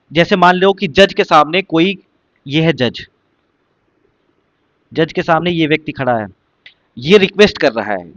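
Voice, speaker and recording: Guy teaching vocab for exams, repeats stuff, asks rhetorical questions, slightly high voice. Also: fairly bright tone, dry recording, dull audio. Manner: repetitive, explains with rhetorical questions. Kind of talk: exam-prep vocabulary lesson.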